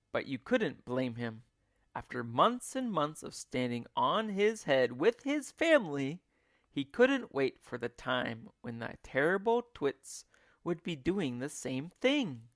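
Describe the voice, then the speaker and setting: A man reading a children's story aloud like a teacher, with expressive, deliberate storytelling. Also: fairly high pitch, dry recording, clean studio sound. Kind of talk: children's storybook narration, scripted read-along.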